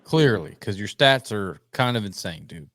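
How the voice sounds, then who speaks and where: A man co-hosting a casual podcast interview, easygoing, mostly giving short replies and quick questions. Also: on the low side, expressive, a bit bright. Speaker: podcast co-host.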